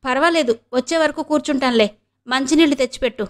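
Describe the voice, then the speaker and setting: An impatient young gentleman, brusque and quickly irritated, as a female narrator reads him. The voice keeps her own fairly high pitch and comes from an audiobook reading. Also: lightly acted.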